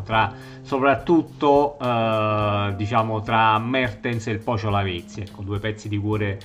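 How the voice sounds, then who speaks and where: A man co-hosting a casual football chat, friendly and quick to agree. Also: mid-range voice. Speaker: co-host of a football show.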